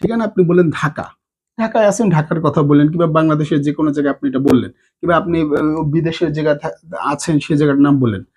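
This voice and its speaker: A man giving a casual spoken lesson, repeating terms slowly and often checking in with "right?". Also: a little high, a little mellow, husky. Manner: slow drawn-out repetition of Arabic terms; frequent fillers and tag questions. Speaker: Arabic teacher.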